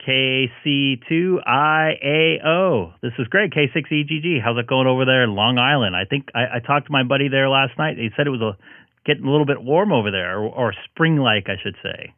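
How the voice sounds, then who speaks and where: A man's voice: medium pitch, fairly quick, no room sound, narrow, tinny audio. Male radio streamer, hungover and worn out, loose rambling chat, close dry sound. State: tired and hungover, with a headache. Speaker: live-streaming ham radio operator.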